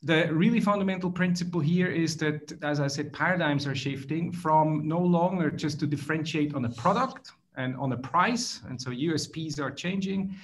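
This guest author, a middle-aged man from Switzerland, responds to interview questions thoughtfully via video call in a plain indoor room, his Swiss accent clear as he frequently restarts phrases. His voice is fairly high-pitched, and he keeps a moderate pace with few pauses.

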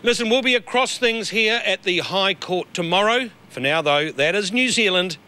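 A man's voice: sits high, expressive, moderate pace, sharp tone. A man presenting a news program, signing off in a dry, polished way. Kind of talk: broadcast sign-off.

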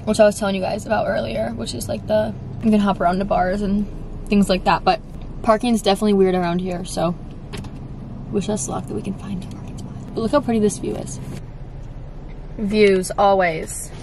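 A young woman in her twenties narrates a casual vlog in an upbeat, chatty way, often saying "like" and "so cute." Her mid-range voice is a little fast and creaky, with frequent pauses. It's a handheld phone recording with steady background noise.

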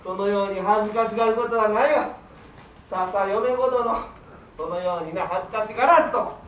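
A man acting a doting, easily flustered bridegroom in traditional Japanese kyogen comedy, with declamatory, drawn-out archaic phrasing. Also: high voice, a bit bright. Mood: coaxing. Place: open wooden stage, recorded from the audience. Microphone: far camera. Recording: echoey stage, distant mic, faint noise.

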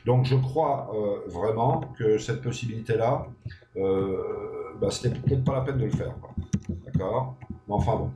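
Thinking out loud in an unscripted screencast, a male programming tutor hesitates often and keeps checking whether the listener is following along. He speaks at a moderate pace in a lowish, dark voice, recorded in an echoey room with a faint hum.

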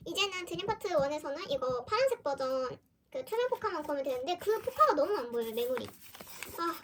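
High-voiced woman gushing over an unboxing. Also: slight background noise. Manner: gushing, often exclaiming softly. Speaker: fan vlogger. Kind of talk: casual unboxing chat.

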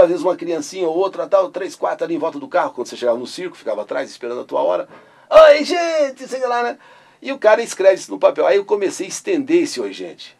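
A man's voice: fairly high pitch, vocal fry, darkish tone, breathy edge. An older man from Brazil, a radio host telling his story in an interview and bursting into his catchphrase. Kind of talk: interview recollection.

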